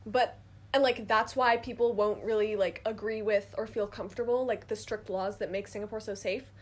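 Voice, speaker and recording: A woman's voice: mid-range voice, steady tone, moderate pace. Chatty teen woman, filler-heavy. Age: late teens. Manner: rambling, filler-heavy, with frequent "like". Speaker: podcast co-host. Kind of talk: casual chat.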